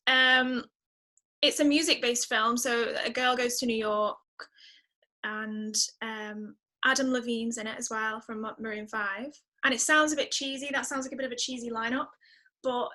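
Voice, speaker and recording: This podcast guest, a singer-songwriter, has a fairly high-pitched voice that sounds pushed and bright. She's emphatic in the casual chat, working through her thoughts out loud.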